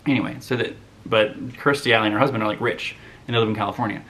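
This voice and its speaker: A man in his thirties chatting casually to camera as a movie vlogger, rambling and animated, full of "like". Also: fairly low pitch, rapid-fire.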